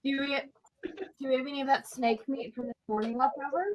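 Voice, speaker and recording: A woman's voice: sits high, steady tone, moderate pace, slight background noise, low-quality recording. A woman taking part as a player in a tabletop game, friendly and plain-spoken. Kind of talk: casual chat during a tabletop game.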